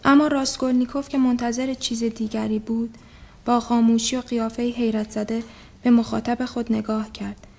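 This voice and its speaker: A woman reading a novel aloud in a steady, measured voice. Her voice is a little high and keeps an even pace. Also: gravelly.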